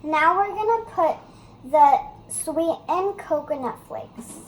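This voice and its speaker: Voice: very high-pitched, lively intonation, takes it slowly. A child helping to present a casual cooking demonstration in a home kitchen. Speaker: cooking video co-host. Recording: noisy kitchen with pot clatter.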